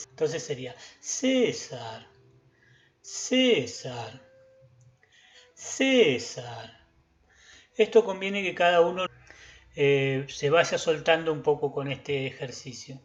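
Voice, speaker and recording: Music teacher, slow, chants words syllable by syllable, muffled lo-fi sound. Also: medium pitch. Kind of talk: recorded lesson.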